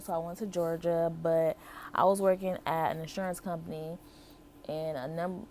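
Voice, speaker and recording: She's a young American vlogger, from Buffalo, New York, and Las Vegas, sharing a personal story in a frank, chatty way full of emphatic repetition. Her voice is deep and a little mellow with vocal fry, over slight background noise.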